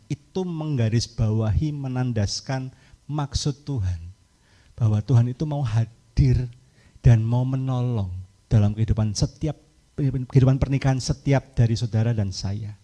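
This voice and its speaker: A middle-aged man with a Javanese-tinged Indonesian accent, preaching a humorous, lively sermon at a women's camp and acting out people's voices. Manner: humorous, acts out congregants in high voices, mixes in Javanese words. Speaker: pastor, speaker at a women's camp.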